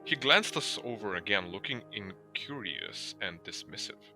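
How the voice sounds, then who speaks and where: A man reading a game's story aloud to friends in an expressive storybook manner. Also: on the low side, normal speed, over music. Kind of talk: reading game text aloud.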